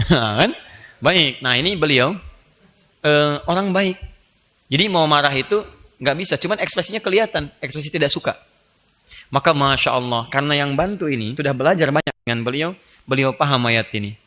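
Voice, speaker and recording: A man preaching a lively sermon, playful and animated, joking with the audience and acting out little scenes. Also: a little high, moderate pace, pauses often. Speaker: Islamic preacher.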